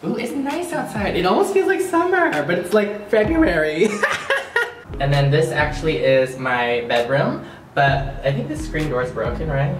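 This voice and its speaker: A man's voice: fairly high pitch, very animated, moderate pace, background noise. A young man in his twenties from Washington State, a beauty vlogger giving a bubbly, sassy tour of his empty apartment. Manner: bubbly, gushing, sassy exclamations. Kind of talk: casual vlog apartment tour. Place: large empty apartment indoors. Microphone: handheld camera at arm's length and far camera. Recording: very echoey empty room, distant mic, music behind.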